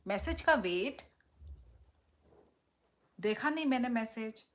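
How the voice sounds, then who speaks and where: Woman live streaming, reads comments and teases back, talks real slow. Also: on the high side, expressive. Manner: unhurried, teasing, reads comments aloud and answers. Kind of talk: casual live-stream chat.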